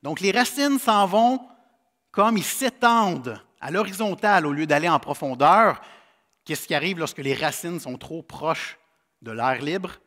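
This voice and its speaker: A man's voice: a little high, expressive, unhurried, a bit bright, big-room sound. A man with a Québécois French accent preaching a sermon in a folksy, storytelling way with humorous asides. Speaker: pastor. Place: church sanctuary.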